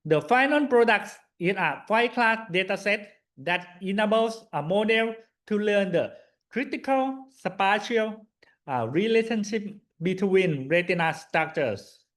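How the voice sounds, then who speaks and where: A man giving a scripted academic slide presentation as a PhD student, in halting, hesitant short phrases. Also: high voice, lively intonation, fairly bright tone.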